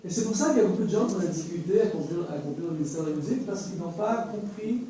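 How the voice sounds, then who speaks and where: A man with a Canadian French accent, from French Canada, preaching to a worship team in a lively, joking way, repeating key phrases. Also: high voice, very fast, a little hiss or hum. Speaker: worship teaching speaker. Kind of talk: sermon. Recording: very echoey room, voice from far off.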